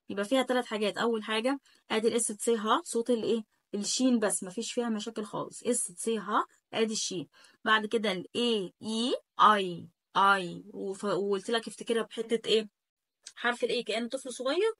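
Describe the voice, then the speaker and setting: A woman with an Egyptian Arabic accent teaching a German lesson in a chatty way, slowly repeating each word and checking "okay?" after every point. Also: on the high side, dry recording. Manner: drills words slowly, repeating them again and again. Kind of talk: casual spoken lesson.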